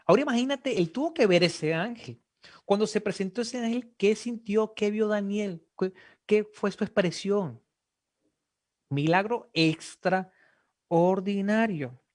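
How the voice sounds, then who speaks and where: Animated preacher full of rhetorical questions. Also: mid-range voice, unhurried. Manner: emphatic exclamations. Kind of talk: sermon.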